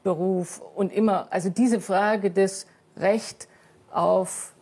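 A woman's voice: medium pitch, fairly even intonation, takes it slowly, dark tone. A woman guest on a studio talk show, speaking thoughtfully with frequent hesitations. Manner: thoughtful, hesitant, many fillers. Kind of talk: studio discussion.

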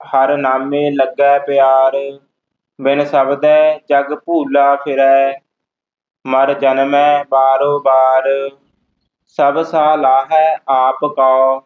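A man chants scripture in an extremely flat monotone at a very slow pace. His voice has a middle pitch. The audio is thin and phone-like. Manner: very slow, monotone, measured reading. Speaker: student reciter.

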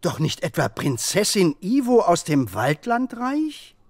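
A man's voice: high voice, wildly swooping pitch, measured pace, no room sound, studio quality, exaggerated voice. A man voicing a courteous, nervous, gloomy ogre in a video game, speaking politely and theatrically. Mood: courtly.

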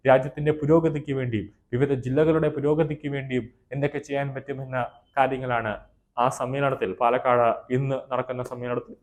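A man's voice: mid-range voice, darkish tone. A man presenting a news report in a formal tone, reading out long lists of names and titles.

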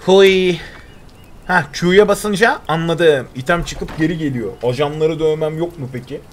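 A man's voice: a little high, measured pace, slight background noise. A young man giving live commentary over a survival game, chatting with himself and thanking viewers in chat. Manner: chatty, talks to himself and reads chat aloud. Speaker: gaming streamer.

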